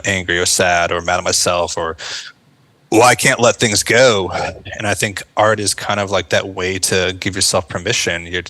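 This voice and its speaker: Earnest man with a bright, lowish voice. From United States. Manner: earnest and reflective, many fillers like "like" and "you know". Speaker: guest, veteran turned actor. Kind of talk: casual interview talk.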